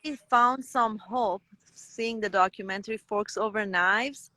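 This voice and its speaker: A native Persian-speaking woman with a Persian accent speaks as a guest in a conversational interview. Her medium-pitched voice is a little slow and sharp in tone, with no echo. She restarts often and uses many fillers.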